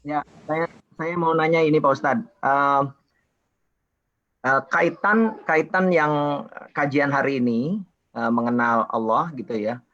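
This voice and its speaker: A man's voice: on the high side, slow pace, long pauses, fairly bright tone. Guy asking a question on the call, a bit hesitant, muffled lo-fi sound. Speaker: audience member asking a question. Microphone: video call. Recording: dull lo-fi call audio.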